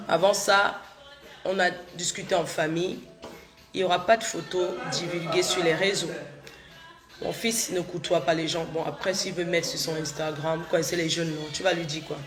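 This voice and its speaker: Fairly low-pitched and steady, the voice of a middle-aged woman from Cameroon comes at normal speed over music. Streaming live with a cold, she chats informally, repeats herself and answers what viewers write.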